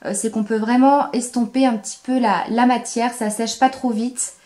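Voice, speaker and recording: A young woman with a slightly high voice walks viewers through her eye makeup step by step. She gets enthusiastic, repeats words for emphasis, and fills pauses with hesitations as she works. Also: fairly even intonation, darkish tone. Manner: frequent hesitations with "euh". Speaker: beauty vlogger. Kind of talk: makeup tutorial.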